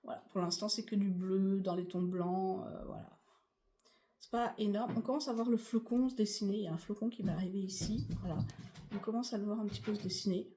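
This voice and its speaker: A woman's voice: medium pitch, brisk, mellow, a little hiss or hum. A woman vlogging casually about her cross-stitch projects, rambling and chatty with many fillers. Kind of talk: casual chatty craft vlog.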